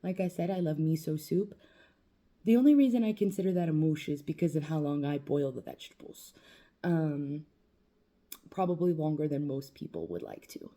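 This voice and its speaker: A young woman talks loosely to her vlog camera. She rambles, swears and pokes fun at herself while her face aches. Her voice sits low and is soft and husky, with a dark, mellow tone. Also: expressive, moderate pace. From New Mexico. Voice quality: swearing, rambling, self-mocking. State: in facial nerve pain. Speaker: vlogger. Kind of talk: casual talk to camera.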